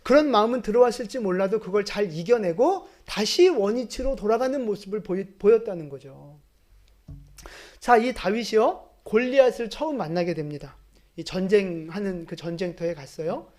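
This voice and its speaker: A woman pastor preaches to her congregation. Her pitch rises and falls in a lively way, and she often puts questions to the listeners. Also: normal speed. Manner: lively, talks to the congregation with questions and acted quotes. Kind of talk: sermon. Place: church sanctuary.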